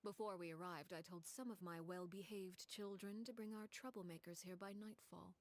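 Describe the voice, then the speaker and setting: A woman's voice: fairly low pitch, no room sound, close to an everyday voice. A woman voicing a cold whispering matriarch. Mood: menacing calm. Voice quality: hushed, breathy whisper. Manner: calm, menacing, measured. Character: cold commanding woman leader called Father.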